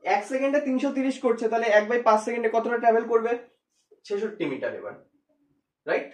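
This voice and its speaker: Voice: medium pitch, lively intonation, quick pace. A physics teacher giving a lesson, explaining step by step, repeating points and asking rhetorical questions. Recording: echoey room.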